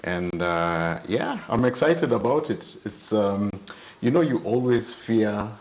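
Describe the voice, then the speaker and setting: Man, 40s, deep voice, ministry director guest, brief affirming answers, studio lapel mic. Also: lively intonation, slow pace. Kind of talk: studio talk show. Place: TV studio set.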